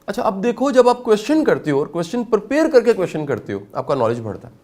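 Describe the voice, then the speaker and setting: A middle-aged man from Pakistan, giving an animated motivational lecture and asking his audience questions. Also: high-pitched.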